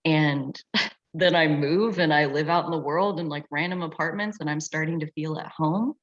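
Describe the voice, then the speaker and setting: Heard over a video call with dull, lo-fi sound, a woman leads an astrology session, teaching in a reflective, casual way and often filling with "like." Her deep voice keeps a steady tone at a moderate pace.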